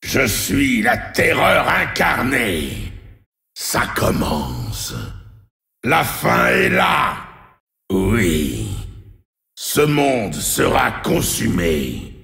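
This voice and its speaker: Diablo, a gravelly demon lord. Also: male voice, huge pitch swings, sharp tone, full character voice. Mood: menacing. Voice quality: deep gravelly growl. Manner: menacing, slow and taunting, swings from roars to low growls. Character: Diablo, towering male demon Lord of Terror, cruel and mocking. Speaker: voice actor. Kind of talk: French video game dub voice lines. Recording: roomy game audio with echo.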